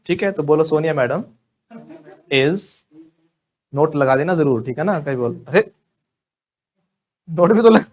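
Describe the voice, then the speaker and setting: A man teaching spoken English to a live class with an Indian English accent, lively and joking, quizzing students by name. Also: a little high, unhurried, long pauses.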